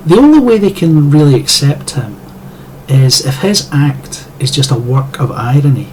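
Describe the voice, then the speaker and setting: A man's voice: medium pitch, lively intonation, moderate pace, darkish tone, slight background noise, poor audio. A Scottish man delivering a sardonic, profane monologue as a commentator. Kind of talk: scripted monologue.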